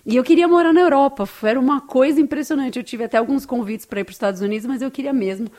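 This high, quick voice with a dark tone belongs to a Brazilian woman with a Brazilian Portuguese accent. She is an interview guest telling her story in a heartfelt, conversational way.

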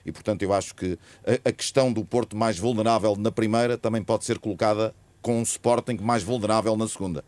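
A man's voice: fairly low pitch, fairly even intonation, a little fast, few pauses, darkish tone, no echo. A man with a European Portuguese accent giving emphatic, opinionated football analysis in a panel talk.

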